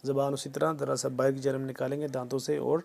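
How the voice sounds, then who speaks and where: A man teaching Quran recitation, drawing each verse out slowly, then explaining pronunciation rules in quick plain speech. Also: mid-range voice, level tone, vocal fry, darkish tone. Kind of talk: tajweed lesson, slow word-by-word recitation.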